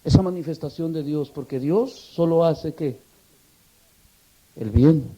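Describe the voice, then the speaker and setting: Dark-voiced man preaching a sermon. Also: fairly high pitch, takes it slowly. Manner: impassioned, rhetorical questions to the congregation.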